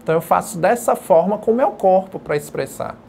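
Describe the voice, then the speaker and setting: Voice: medium pitch, expressive, fairly quick, vocal fry, a little mellow, a little hiss or hum. A sign language teacher giving a recorded distance-learning lecture, explaining patiently and step by step while demonstrating signs. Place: educational video studio.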